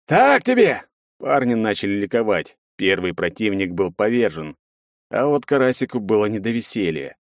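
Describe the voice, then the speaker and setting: A man's voice: fairly low pitch, normal speed, no echo, studio quality. A man narrating a first-person action audiobook with a dramatic reading.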